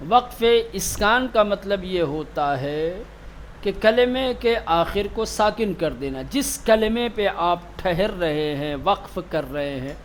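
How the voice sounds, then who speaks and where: A man teaching tajweed in a classroom, asking his students questions and answering them himself, slowing down to repeat key terms. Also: sits high, lively intonation, slight background noise. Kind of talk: classroom lecture.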